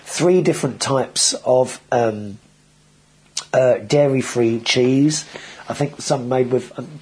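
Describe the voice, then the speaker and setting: A man's voice: mid-range voice, a little mellow, rough recording. A man hosting a casual video show, talking in a chatty, rambling way with frequent restarts. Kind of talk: casual vlog monologue.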